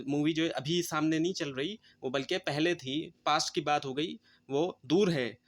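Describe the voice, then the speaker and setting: Man explaining grammar in a lesson. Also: a little high. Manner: explains slowly in Hindi mixed with English terms, with "so" and "अ" fillers. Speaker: teacher.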